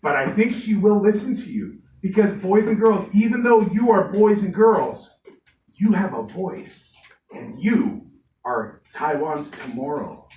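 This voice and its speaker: A woman teacher telling a lively story to children in a classroom, playing up the characters' voices. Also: on the low side, a little slow. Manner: lively, animated, playful voices. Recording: roomy room, distant mic, faint noise.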